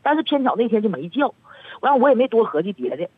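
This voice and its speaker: A woman's voice: on the high side, sing-song, fast talker, husky, no room sound. A woman in her thirties with a Northeastern Mandarin accent, calling an advice show and telling her story in a heated rush, acting out both sides of each argument. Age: 30s. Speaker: caller. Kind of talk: phone-in advice call. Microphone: telephone. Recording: tinny dry phone line.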